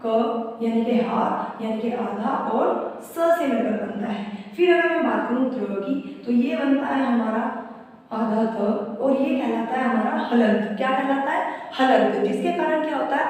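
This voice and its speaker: A woman teaching a grammar lesson, fairly high-pitched, who repeats each point and answers her own questions. She stands back from the mic, and her voice rings in a hard, echoey room with a long reverb tail. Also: a little mellow, far from the mic. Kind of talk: exam-prep grammar lesson.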